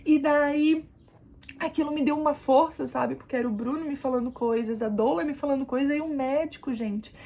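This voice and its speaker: A young woman vlogger casually telling a story to camera in an animated way, often calling out to her viewers and showing what she did. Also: high voice, moderate pace. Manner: animated, addresses viewers as "gente", demonstrates positions. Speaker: vlogger, new mother.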